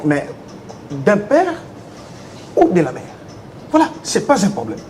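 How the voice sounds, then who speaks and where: Man, lively emphatic speech. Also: sits high, unhurried, slight background noise. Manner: insistent, rhetorical questions, emphatic. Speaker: interviewee, legal commentator. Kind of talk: argumentative interview answers.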